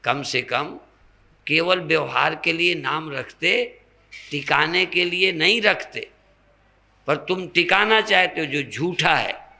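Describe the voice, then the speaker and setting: An older man, a swami, giving a slow spiritual sermon, teaching through rhetorical questions and everyday examples in a gravelly voice. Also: a little high, sharp tone.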